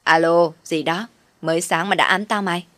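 A woman reading a brash, loud girlfriend. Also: on the low side, little pitch movement, dry recording, close to an everyday voice. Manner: loud, slangy and quick to shout. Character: brash, blunt young woman friend.

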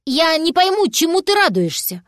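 A woman voicing a stubborn, soft-hearted male cat who frets and grumbles, in a storybook reading. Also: extremely high pitch, sing-song, moderate pace, no room sound, studio quality, voice pushed up, full character voice. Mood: grumbling. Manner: grumbling, worried.

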